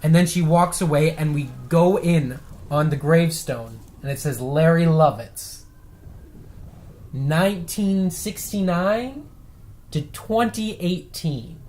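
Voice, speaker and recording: A man co-hosting a casual movie show, telling a scene idea out loud and checking in with "okay?" as he goes. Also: on the high side, takes it slowly. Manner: storytelling with repeated "okay?" checks. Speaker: co-host.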